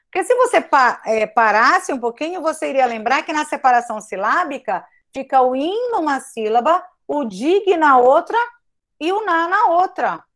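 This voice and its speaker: A woman's voice: sits high, lively intonation, normal speed, a bit bright. A woman writing teacher giving an online grammar lesson. She speaks emphatically, repeats her points, stretches stressed words, and talks straight to her students.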